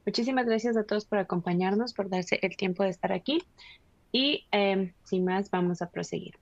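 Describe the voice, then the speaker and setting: A woman moderating a webinar, introducing it in a polite, welcoming tone with soft hesitations. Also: medium pitch, normal speed, no room sound. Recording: dull, dry lo-fi online call audio.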